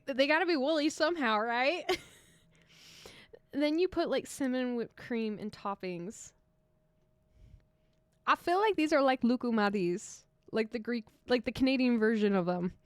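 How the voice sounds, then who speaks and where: A woman's voice: fairly high pitch, expressive, normal speed, long pauses, dry recording. A young American woman streaming live, chatting casually and teasing her viewers with frequent laughter. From United States. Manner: giggly, teasing, laughs often.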